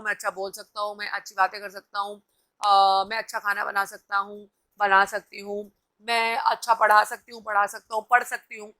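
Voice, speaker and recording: A woman's voice: medium pitch, fairly bright tone. A woman host giving a live-stream motivational talk, coaching viewers directly and reading out their comments. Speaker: TV anchor and host.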